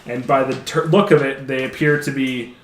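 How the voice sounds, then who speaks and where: A man narrating a tabletop game as dungeon master in a measured, halting way, recorded in a roomy room. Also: medium pitch, fairly even intonation. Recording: roomy echoey room, faint noise.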